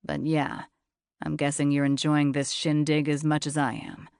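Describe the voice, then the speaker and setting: Female narrator doing a cynical, commanding man for an audiobook: low, blunt, gravelly. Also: normal speed, darkish tone, dry recording, clean studio sound. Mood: dismissive. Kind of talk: audiobook character voice.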